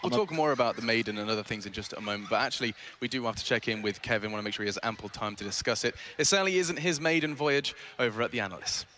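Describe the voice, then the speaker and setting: A man hosting an esports analysis panel, quick and jokey. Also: mid-range voice, sharp tone, a little hiss or hum. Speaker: panel host.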